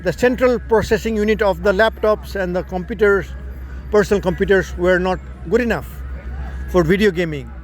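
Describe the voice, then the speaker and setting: A man's voice: sits high, moderate pace. A man from Nepal, a startup founder, talking through his idea in a casual monologue that explains and rephrases as he goes. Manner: explanatory, repeats and rephrases points.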